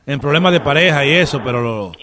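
A man's voice: on the high side, animated, fast talker, lightly acted. A man playing a stern, hot-tempered uncle on a prank phone call, pushy and accusing. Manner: pushy, accusing, swears when riled. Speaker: radio prank caller. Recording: noisy phone line.

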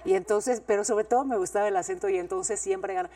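A woman's voice: mid-range voice, fast, dark tone. A woman with a Mexican accent chatting casually, gushing with enthusiasm. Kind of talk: casual chat. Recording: distant mic.

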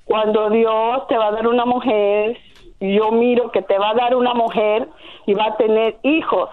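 A middle-aged woman caller with a high voice, pushing her point in an insistent, preachy way. She heard over a tinny, narrow phone line. She keeps talking over the host. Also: fairly even intonation, normal speed. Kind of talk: call-in radio chat.

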